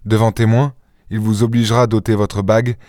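A man voicing a calm, commanding gentleman who speaks firmly and reassuringly in an audiobook. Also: lowish voice, no room sound, clean studio sound, natural voice. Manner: firm, reassuring, measured. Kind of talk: audiobook character reading.

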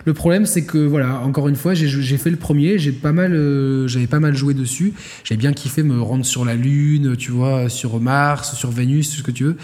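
A man's voice: mid-range voice, normal speed, few pauses, mellow, in a large hall. A man co-hosting a casual gaming podcast, rambling with many fillers and restarts. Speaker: podcast co-host.

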